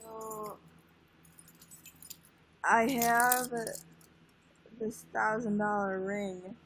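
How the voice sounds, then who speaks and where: A woman's voice: medium pitch, fairly even intonation, very slow, fairly bright tone, slight background noise, poor audio. An eighteen-year-old woman chatting casually on a livestream, laid-back and swearing offhandedly. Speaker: livestream guest. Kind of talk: casual chat.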